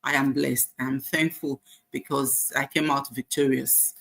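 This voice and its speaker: With an extremely low, slightly bright voice, flat delivery, vocal fry, and a measured pace, a Nigerian woman in her forties tells her story as a nurse. Her casual testimony is encouraging and full of faith, peppered with fillers.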